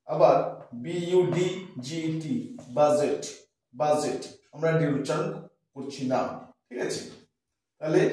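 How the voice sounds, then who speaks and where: A man's voice: fairly high pitch, darkish tone. A man teaching an English pronunciation lesson, spelling words letter by letter and repeating them, often asking his students if they follow. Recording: echoey room, voice from a distance.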